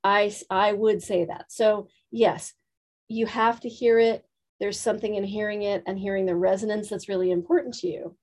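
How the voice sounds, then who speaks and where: A woman leading a workshop, talking quickly and asking the room questions. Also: medium pitch, flat delivery, a little mellow. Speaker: workshop teacher. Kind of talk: teaching a live group.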